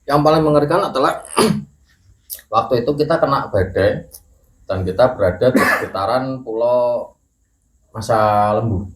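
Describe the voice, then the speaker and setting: A middle-aged man telling a ghost story in casual chat, measured and unhurried, clearing his throat now and then. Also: medium pitch. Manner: measured storytelling with pauses and occasional coughs. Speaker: guest storyteller. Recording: echoey room with faint noise.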